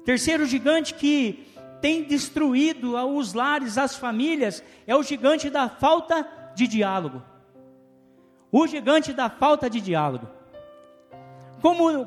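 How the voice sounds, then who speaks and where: A man with a Brazilian Portuguese accent preaches in a church, his voice pitched very high and full of rhetorical questions. The sound carries a long reverb from the hall. Soft music plays faintly underneath. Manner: animated preaching with rhetorical questions and call-and-response. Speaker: pastor. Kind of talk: sermon.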